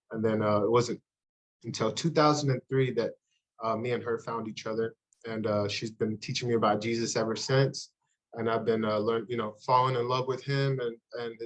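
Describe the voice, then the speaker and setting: Man in his thirties, from Uganda, youth pastor, earnest, halting, restarts often, middle-pitched voice. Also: fairly bright tone, low-quality recording. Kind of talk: podcast interview.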